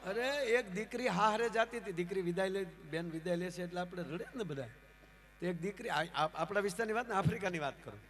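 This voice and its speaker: A man's voice: high voice, brisk, a bit bright. A man with a Gujarati accent telling jokes on stage as a folk comedian, acting out characters in raised voices. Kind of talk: live stage storytelling with jokes. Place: live outdoor folk program.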